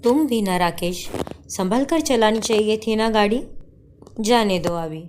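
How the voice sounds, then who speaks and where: A woman voicing a caring young wife in a cartoon story, calm and reassuring. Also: mid-range voice, measured pace, a little hiss or hum, lightly acted.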